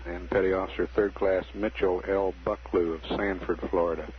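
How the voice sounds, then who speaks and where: A man giving measured, formal and deadpan live spaceflight commentary over a muffled, noisy 1960s radio feed. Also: low voice. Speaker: mission control public affairs commentator.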